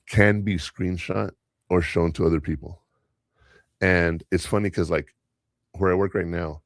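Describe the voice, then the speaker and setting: A school teacher whose first language is Spanish hosts a casual podcast in a deep voice with a gravelly edge. He rambles through anecdotes from his job, chuckling often. The sound is close and dry, without any room echo.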